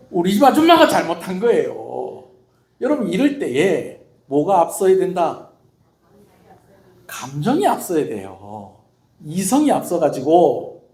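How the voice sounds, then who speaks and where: A middle-aged man preaching a sermon as a pastor, lively, swinging between loud bursts and hushed asides. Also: on the high side. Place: church. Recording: echoey church hall.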